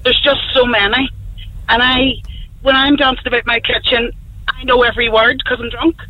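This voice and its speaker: A woman's voice: fairly high pitch, flat delivery, moderate pace, no room sound. A woman around sixty, calling in to a radio show, bubbly and cheeky. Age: 60s. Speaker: caller. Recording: phone line.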